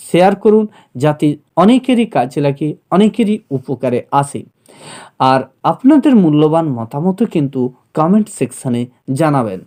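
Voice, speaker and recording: A man giving an exam-prep lecture, explaining slowly with many fillers and pauses. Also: high voice, warm tone. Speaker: teacher.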